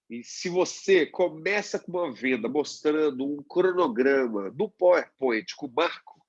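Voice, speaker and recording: A man's voice: a little high, husky, no echo, lo-fi sound. A man with a Brazilian accent giving an informal webinar lecture, chatty and full of tag questions. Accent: Brazilian Portuguese. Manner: conversational, many fillers and tag questions. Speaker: webinar presenter. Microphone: webinar computer mic.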